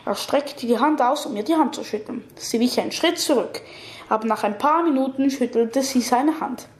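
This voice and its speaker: A woman's voice: high voice, moderate pace, a little mellow. A woman reading a fantasy story aloud, with small slips and self-corrections, in an echoey room.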